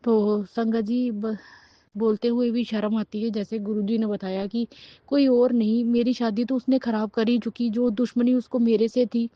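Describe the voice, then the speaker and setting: A woman's voice: fairly high pitch, level tone, normal speed, no echo, dull audio. A middle-aged woman giving an emotional personal testimony as a devotee, pleading and aggrieved, often breaking off and restarting her words.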